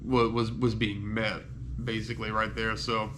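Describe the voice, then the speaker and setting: A man recording a casual video diary while in pain and on painkillers after surgery, congested with a head cold, speaking haltingly and trailing off. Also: on the low side, level tone, background noise. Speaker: patient giving a recovery update.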